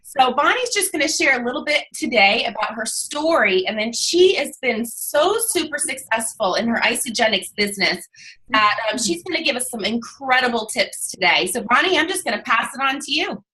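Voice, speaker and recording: A woman's voice: fairly high pitch, very animated, moderate pace, pushed and bright, poor audio. A woman hosting a video call, encouraging the audience and introducing a guest. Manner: encouraging, addresses the audience directly. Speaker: host of a team call. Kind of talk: upbeat motivational talk.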